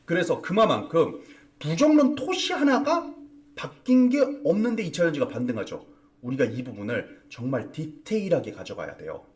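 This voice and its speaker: A man's voice: a little high, a little mellow, recorded from a distance. A man hosting a morning stock market commentary broadcast, emphatic and fond of repeating key words for stress. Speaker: stock market strategist and host. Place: broadcast studio.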